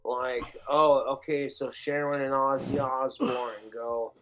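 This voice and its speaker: A man's voice: medium pitch, fairly even intonation, fairly bright tone, soft background music, low-quality recording. A man streaming, ranting in a casual, profane way. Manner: profane, slow-paced ranting.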